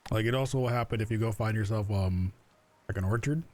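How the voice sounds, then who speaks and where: A man chats casually as a fellow player in a survival game. He explains things in a relaxed way with plenty of filler words. His voice sits somewhat low. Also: quick pace. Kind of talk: casual gaming chat.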